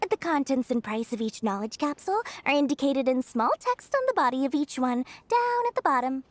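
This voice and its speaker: A woman voicing a greedy young merchant in a video game who flatters customers in a smooth sales pitch. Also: fairly quick, no echo. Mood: salesy.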